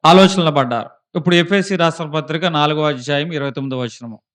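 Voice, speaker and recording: A man's voice: fairly high pitch, fast, a bit bright. A man preaching a sermon as pastor, asking questions of his listeners and rising into emphatic bursts. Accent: Telugu. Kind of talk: Telugu sermon.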